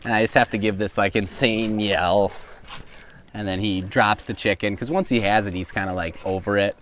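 A man with a fairly low voice tells a casual story while fishing from a boat outdoors. He rambles along, leaning on "like" and "you know," with faint background hiss. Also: steady tone, normal speed, a bit bright. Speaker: fishing guest who runs a tree service.

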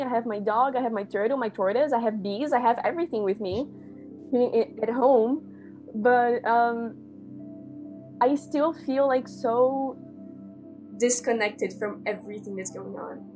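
A woman's voice: a little high, darkish tone. A young woman from Brazil, an international student chatting in an interview and filling her talk with "like". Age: young adult. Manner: chatty, leans on "like". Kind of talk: casual interview answers.

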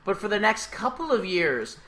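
A man co-hosting a podcast in casual chat, talking quickly with asides and mild swearing. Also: high voice, big pitch swings, bright, forceful tone. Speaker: podcast co-host.

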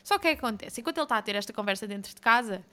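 Bright, fast-talking woman storyteller. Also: a little high, clear, resonant tone. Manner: animated storyteller, mocking recap. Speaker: podcast co-host. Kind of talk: casual book chat.

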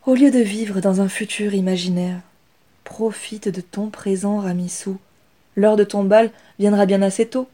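A woman voicing Inès, a young female rat who speaks calmly and with assurance. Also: mid-range voice, a little slow, lightly acted. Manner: calm, steady.

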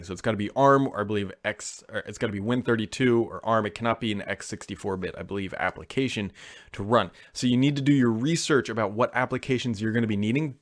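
Man casually fielding viewer tech questions. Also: lowish voice. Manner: conversational, informal advice-giving. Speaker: host answering viewer questions.

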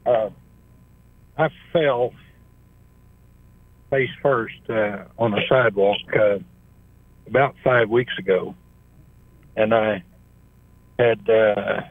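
A man speaks over a tinny phone line, his voice slow and gravelly. He calls in to a radio show and stops and restarts often as he asks his question. The sound is dry and narrow. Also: on the low side, no room sound. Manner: halting, many pauses and restarts. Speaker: caller. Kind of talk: call-in question to a radio doctor.

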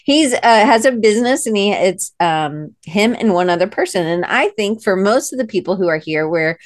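A woman's voice: mid-range voice, animated, normal speed, dry recording, clean studio sound. A woman with an American accent hosting a casual interview in an informal, rambling way. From United States. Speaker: host.

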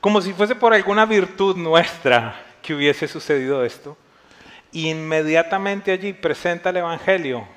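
High, bright-voiced male preacher. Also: expressive, normal speed. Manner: vivid storyteller who acts out dialogue. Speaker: pastor. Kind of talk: sermon with storytelling.

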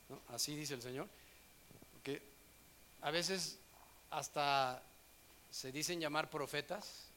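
A man preaching a sermon, telling stories with swings from hushed scripture reading to loud animated moments. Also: fairly high pitch, slight background noise.

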